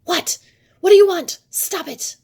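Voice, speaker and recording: A woman's voice: very high-pitched, a little slow, mellow, pitched above the performer's own voice. A woman voicing a wild-eyed, paranoid old hermit who keeps dozens of cats, shrieking frantically for help. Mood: frantic, screaming. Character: paranoid screaming male cat hoarder, wild-eyed.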